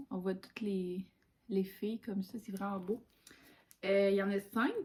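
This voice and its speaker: A young woman with a Québécois French accent, talking to her viewers as a book vlogger. Her delivery is casual, chatty and informal, with loose, colloquial phrasing, and her voice sits at a middle pitch for a woman. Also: darkish tone. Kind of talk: casual chat about books.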